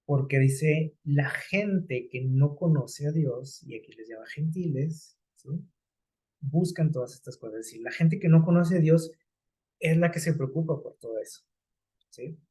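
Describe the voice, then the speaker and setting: Male preacher, husky conversational sermon delivery, slows down for scripture quotes. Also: a little high, warm tone, rough recording. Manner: conversational, explains scripture with everyday examples and rhetorical questions.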